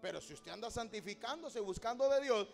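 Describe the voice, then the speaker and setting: High-voiced preacher in a reverberant hall. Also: male voice, lively intonation, a little fast, creaky, soft background music. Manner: storytelling, rising to loud exhortation. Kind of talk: sermon.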